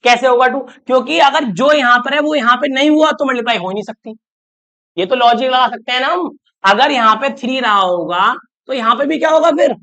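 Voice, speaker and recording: A man's voice: very high voice, fairly quick, bright, forceful tone. A man giving an online math lecture, talking through each step and often asking students whether they follow. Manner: constantly checks if students follow, coaxing questions; talks through steps aloud, counting terms. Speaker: math teacher.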